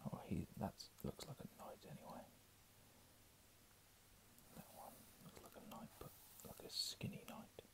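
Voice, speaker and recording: A man reading under his breath in a hushed ASMR whisper, with casual murmured asides. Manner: slow, hushed delivery. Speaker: ASMR reader.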